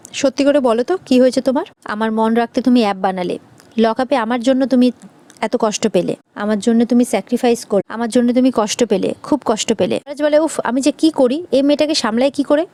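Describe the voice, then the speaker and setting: Woman rattling thru a tv serial recap super fast, voice a bit high. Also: mellow. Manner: quick storytelling, quoting every character in turn. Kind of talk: fast episode recap narration.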